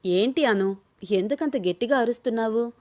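A woman's voice: on the high side, moderate pace, darkish tone, lightly acted. A woman reading a story, voicing a young man who teases the woman he is falling for. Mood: teasing. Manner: playful, teasing questions. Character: young man, teasing, smitten office boss.

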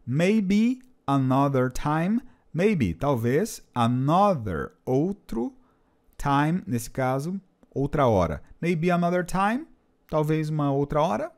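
A man's voice: on the high side, big pitch swings, slow pace. A man teaching an English lesson, patiently repeating and translating phrases. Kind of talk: explanatory language lesson.

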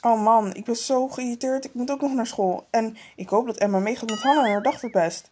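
A busy, caring mum in a toy-figure film, as a woman puts her on, talking in a chatty, hurried way with plenty of fillers. Her voice sits a little high for a woman. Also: a little mellow, slightly rough. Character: busy caring mother of two girls.

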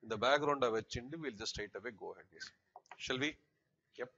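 A middle-aged man with a Tamil South Indian accent teaches in a fast, sharp voice. He dictates notes and keeps tossing short check questions to his students. The recording is a little muffled, with faint noise and keyboard clicks. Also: mid-range voice. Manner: asks the class frequent short check questions. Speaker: accountancy lecturer. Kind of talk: classroom lecture, dictating notes.

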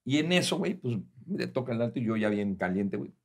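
A Mexican man in his forties hosting a comedy podcast, telling a story with lots of laughing and shouted quotes acted out. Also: medium pitch, quick pace, creaky. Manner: animated, acts out shouted quotes, laughs often.

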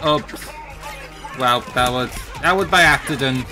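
A man hosting a gaming channel, talking through his matches in an unhurried, middle-pitched voice. He is self-deprecating and keeps exclaiming in surprise, with loud game music underneath. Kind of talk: casual gameplay commentary. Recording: game music playing behind.

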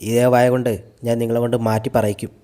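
A man quoting a hurt, defiant young woman in quiet, bitter retorts, voice a little lower and softer. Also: little pitch movement, fast, lightly acted.

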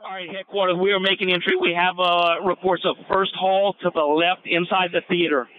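A man's voice: high-pitched, little pitch movement, brisk. A male police officer speaking over a radio in an urgent, commanding manner. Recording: muffled lo-fi police radio transmission.

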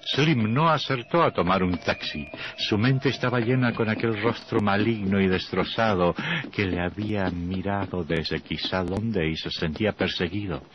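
A man with a fairly low voice narrates a horror radio play at a moderate pace, menacing and theatrical as he builds suspense. The old radio recording is dull and lo-fi, with dramatic music and a noisy background.

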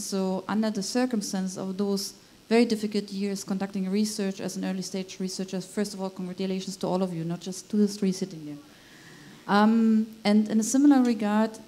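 A woman's voice: mid-range voice, dark tone. A woman in the audience asking a panel a thoughtful question at a conference.

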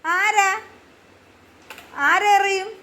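A woman teacher with a very high voice chats slowly with small children in a preschool. She speaks in a sing-song way, full of coaxing questions and mild scolding. Faint noise sits behind her. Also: fairly even intonation, bright, forceful tone. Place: preschool classroom.

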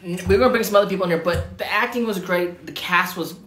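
A man's voice: high-pitched, quick pace. Hyped man host in an echoey room. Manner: hyped, gives shout-outs, talks over his co-host. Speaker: film club host. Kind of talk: casual film chat. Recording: roomy echo.

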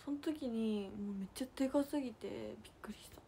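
A young woman with a hosts a relaxed livestream, chatting and giggling over stories and reading out fan comments. Her voice sits a little high. She slips into soft, breathy near-whispers to thank viewers, over a faint hiss behind her. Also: brisk. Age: young adult. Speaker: idol livestream host.

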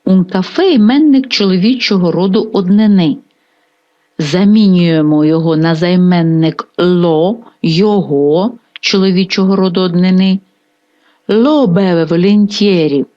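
A woman with a Ukrainian accent teaching grammar at a very slow, deliberate pace, setting out each word with a pause. Her voice sits a little low. The recording is dull and lo-fi. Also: mellow. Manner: dictates word by word with careful pauses. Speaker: Italian language teacher. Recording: dull lo-fi voice-over.

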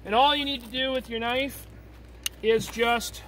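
A man teaching a hands-on outdoor lesson in a chatty, informal way, checking in with "okay?" as he goes. His voice sits fairly high. He is picked up from some distance by the camera, with traffic clearly audible in the background. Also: steady tone, unhurried, fairly bright tone. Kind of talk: hands-on outdoor survival demonstration.

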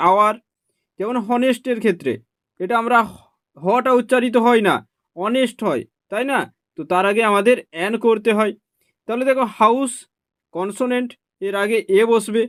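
A man with an extremely high-pitched voice teaches an online exam prep lesson, recorded with clean studio sound and no echo. He explains step by step and keeps checking in with students by asking "ঠিক আছে?".

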